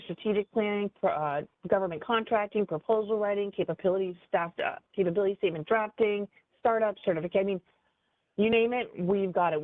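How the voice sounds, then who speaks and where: A woman business advisor giving a webinar training in an animated, conversational way, with frequent fillers. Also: medium pitch, no room sound. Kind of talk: webinar presentation. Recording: tinny phone-like dry audio.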